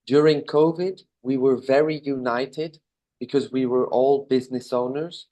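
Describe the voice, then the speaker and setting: A Belgian business owner in his thirties, speaking with a Belgian accent, answers interview questions in a relaxed, casual manner, using fillers and correcting himself. His voice is mid-range and unhurried.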